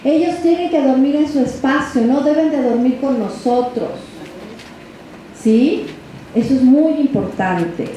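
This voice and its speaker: A middle-aged woman with a Mexican Spanish accent leads a workshop lecture for parents, chatting conversationally and ending phrases with tag questions to the audience. Her high-pitched voice is warm and a little slow. The room is echoey, with faint background noise.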